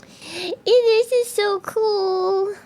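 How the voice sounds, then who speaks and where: A young woman streaming live, chatting casually with her viewers, excitable, laughing often and swearing freely. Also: extremely high pitch, extremely slow.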